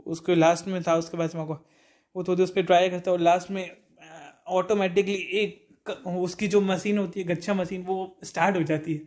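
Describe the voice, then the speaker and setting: A man's voice: sits high, a little mellow. A young man casually retelling an anime episode, rambling and quoting the characters' lines as he goes. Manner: rambling, retells dialogue in quotes. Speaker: anime recap narrator. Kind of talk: casual spoken anime recap.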